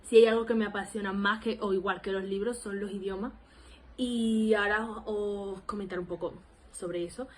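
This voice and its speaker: With a mid-range voice, fairly even intonation, and normal speed, a woman in her twenties from Spain talks casually to her camera to introduce her language vlog. She has an Andalusian accent. She rambles and pokes fun at herself, with many laughs and fillers.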